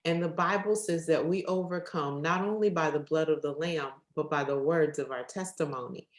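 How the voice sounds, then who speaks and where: Speaking at an ordinary pace in a deep voice, this interview show host leads an upbeat faith talk program. She addresses viewers head-on with effusive energy, in a room that echoes noticeably.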